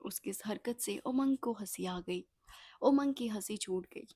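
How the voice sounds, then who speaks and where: A woman narrating a romance story in a soft, half-whispered storytelling voice. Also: medium pitch, unhurried, breathy edge, no room sound, studio quality.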